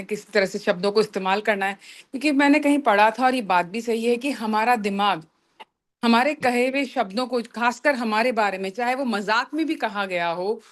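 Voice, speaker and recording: A woman speaks to her business group in a motivational talk, her voice pitched a touch high. She is earnest and walks through simple everyday examples to make her point. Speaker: business team leader.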